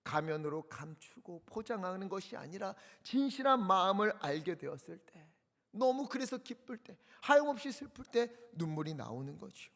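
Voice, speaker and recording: A male senior pastor giving a sermon, with emphatic rises and soft, hushed drops. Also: high voice, sing-song, normal speed. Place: church sanctuary. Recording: church hall reverb.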